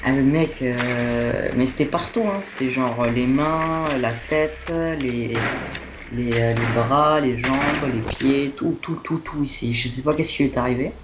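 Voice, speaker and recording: A young man with a mid-range voice talks a little slowly about his holiday in a rambling, casual way, hesitating with lots of fillers and restarts. The room is echoey, with faint noise.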